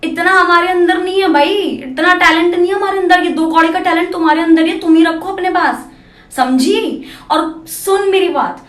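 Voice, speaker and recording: A woman's voice: very high-pitched, fairly even intonation, moderate pace, a bit bright. A young woman from Delhi, a vlogger, scolding and confronting someone in an angry reply to camera, slipping English phrases into her talk. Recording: roomy echo.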